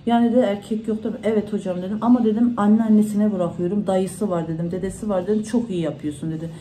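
A woman's voice: medium pitch, steady tone, fast talker, dark tone, slight background noise, rough recording. A woman vlogger, chatting casually to her followers at home and retelling conversations in reported speech. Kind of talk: casual vlog talk to followers.

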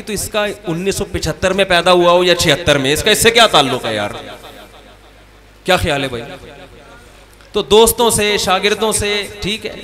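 A man's voice: a little high, a bit bright. A man preaching a sermon at a conference. He talks in a conversational way and acts out small dialogues and stories. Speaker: Islamic preacher. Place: conference gathering with a crowd.

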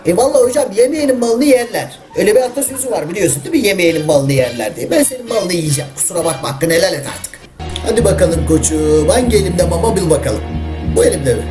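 Over loud background music, a man gives pet videos a comedic voice-over as streetwise, wisecracking dogs full of slang and exasperation. His voice sits high and is animated and fast.

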